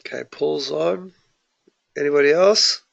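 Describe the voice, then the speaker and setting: A stuffed-up man walks viewers through the week's trades in a live webinar. His voice is gravelly and bright with a forward edge, recorded dry and close. He talks casually and breaks off to restart his sentences. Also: a little high, measured pace, no echo, lo-fi sound. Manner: informal, restarts mid-sentence, addresses viewers as guys. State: congested. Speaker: forex trading analyst hosting a weekly webinar. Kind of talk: live webinar market walkthrough.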